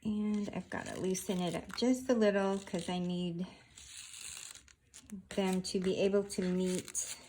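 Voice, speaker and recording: A woman's voice: medium pitch, steady tone, warm tone, a little hiss or hum. A woman hosting a casual craft tutorial, talking through each step of her handiwork as she goes. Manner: unhurried, narrating each hand movement as she works.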